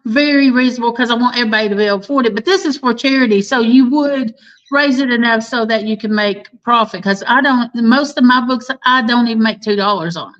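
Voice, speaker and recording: A woman who writes books, talking on a livestream in casual chat and eagerly pitching ideas. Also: fast, fairly bright tone. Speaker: host, author. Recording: dull lo-fi livestream audio.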